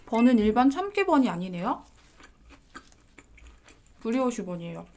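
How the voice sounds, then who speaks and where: A woman's voice: on the high side, very animated, normal speed, a little mellow, slight background noise. Woman reviewing food, mouth full. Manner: polite, chatty, descriptive.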